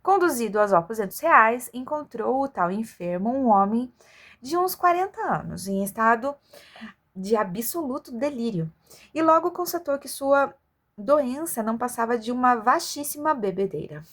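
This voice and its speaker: A woman with a fairly high voice reads an adventure story aloud for children. Her delivery is expressive and storylike, that of an amateur narrator who occasionally stumbles and corrects herself. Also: moderate pace. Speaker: audiobook reader for children.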